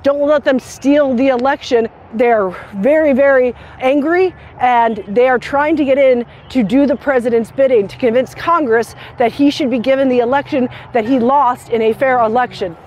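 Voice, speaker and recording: A woman's voice: high voice, moderate pace, few pauses, darkish tone, a little hiss or hum. A woman news correspondent recalling events in an emphatic way. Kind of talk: interview recollection.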